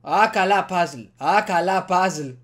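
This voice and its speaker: This young gaming streamer has a Greek accent and a high, fairly bright voice, and he talks to himself casually over game music, muttering and exclaiming. He records in a small room at home using a desktop USB microphone.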